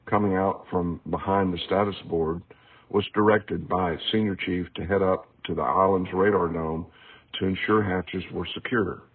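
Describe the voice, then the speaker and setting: Reading aloud from a book he wrote, a man uses a low, slightly rough voice in scripted audiobook fashion. A narrow, phone-like tinniness colors the recording.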